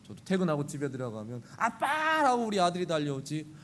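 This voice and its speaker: A male pastor delivering a lively, conversational sermon, often asking the congregation "right?" and acting out voices in the dialogue he quotes. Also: high voice, fairly quick. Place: church sanctuary.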